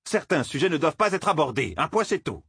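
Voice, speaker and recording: A cranky old village roofer shouts and scolds, as a man puts him on. His husky, fairly high voice swings wildly up and down, heard close and dry in an audiobook. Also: very animated, moderate pace, dry recording. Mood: furious. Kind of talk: audiobook character voice.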